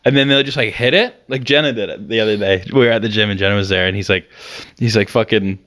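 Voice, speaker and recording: A man's voice: fairly low pitch, fast talker, fairly bright tone. A young man co-hosting a casual podcast, telling rambling stories full of laughter and swearing. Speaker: podcast co-host. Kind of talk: casual chat.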